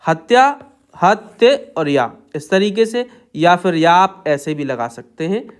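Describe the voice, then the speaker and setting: A man teaching shorthand, dictating words slowly and repeating set phrases as he writes each one out. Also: high-pitched, expressive, clear, resonant tone. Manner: slow, drawn-out dictation of words. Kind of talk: step-by-step tutorial.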